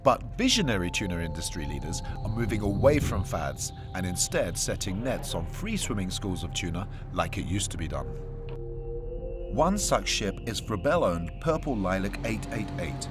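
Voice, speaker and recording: A man reading a scripted documentary voice-over in a measured, earnest way. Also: low-pitched. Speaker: documentary narrator. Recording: voice-over under loud music.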